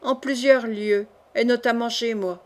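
A woman's voice: a little high, fairly even intonation, a little slow, close to an everyday voice. René, a woman reading a frightened old perfumer. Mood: hesitant. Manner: hesitant, faint. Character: frightened older male perfumer witness. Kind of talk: audiobook character reading.

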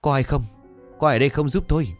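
A man's voice: lowish voice, lively intonation, quick pace, a little mellow, faint music behind. A man voicing an anxious, agitated middle-aged businessman in a ghost story, asking urgent questions. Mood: frightened.

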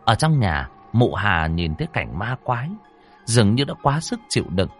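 A man narrating a ghost story in an expressive, dramatic storytelling manner. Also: fairly low pitch, normal speed, breathy edge. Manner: expressive, rising and falling storytelling. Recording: dry close mic with faint music.

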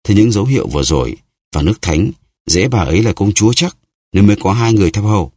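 A man's voice: fairly low pitch, expressive, quick pace, darkish tone, breathy edge, no echo, clean studio sound, pitched above the performer's own voice. A man voicing a jealous middle-aged lawyer's wife who pleads and reproaches in a raised voice. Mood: suspicious.

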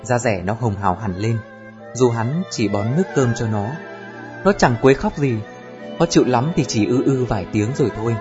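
A man narrating an audiobook in a steady storytelling voice. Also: mid-range voice. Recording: dull lo-fi recording with music.

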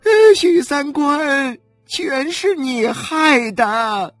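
A woman's voice: on the high side, very animated, slow, fairly bright tone, husky, no echo, soft background music, voice pushed up, exaggerated voice. A woman voicing a young wife in agonizing labor who sobs, wails and screams curses at her husband in an audiobook. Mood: wailing in pain. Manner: wailing, sobbing, screaming curses.

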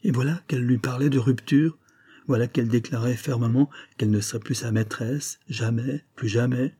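A man reading a novel aloud as an audiobook, in a measured, dramatic way. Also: medium pitch, fairly even intonation, dark tone, breathy edge, no room sound. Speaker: audiobook reader.

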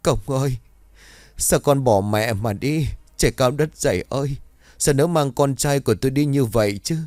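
A man's voice: lowish voice, moderate pace, a little mellow, no room sound, close to an everyday voice. A man voicing a grief-stricken old mother who wails and stammers. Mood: wailing. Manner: wailing, stammering.

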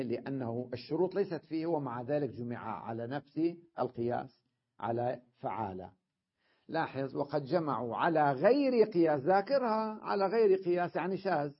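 Husky male Arabic grammar teacher. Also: a little high. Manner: explains patiently, asks "تمام؟" to check the class. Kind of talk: classroom lesson. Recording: dull lo-fi lecture recording.

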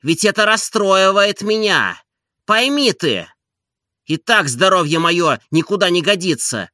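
A man reading an audiobook and voicing an irritable, idle gentleman who scolds his servant in an exasperated tone. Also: high-pitched, lively intonation, measured pace, no room sound, studio quality, pitched above the performer's own voice, exaggerated voice. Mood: scolding. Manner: exasperated, petulant.

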